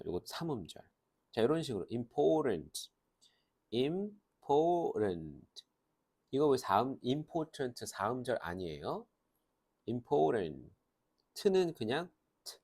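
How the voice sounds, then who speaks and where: A man's voice: medium pitch, sing-song, a little slow, pauses often, a little mellow, breathy edge. A man teaching a grammar lesson, explaining step by step and asking and answering his own questions. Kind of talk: lecture.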